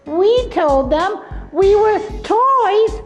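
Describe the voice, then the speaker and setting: Tiny teddy bear puppet, very high and very slow, eager, in an echoey room with faint music. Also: lively intonation, full character voice. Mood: cheerful. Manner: eager, wide-eyed.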